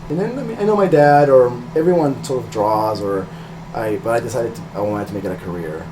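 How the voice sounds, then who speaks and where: A middle-aged Peruvian man, an illustrator who later moved to California, talks about himself in an interview. His medium-pitched voice is animated and a bit quick, and he thinks aloud casually and hesitantly. Some background noise is audible.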